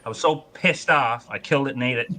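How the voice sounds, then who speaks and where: A man's voice: medium pitch, fast, pushed and bright. A man telling casual, folksy outdoor stories in a blunt, rambling anecdotal way. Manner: folksy hunting-yarn telling.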